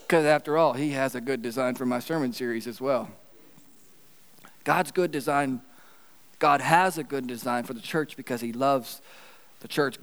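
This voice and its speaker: A man's voice: on the high side, smooth, big-room sound. A man preaching a sermon as pastor, earnest and emphatic, building his points through repeated phrases.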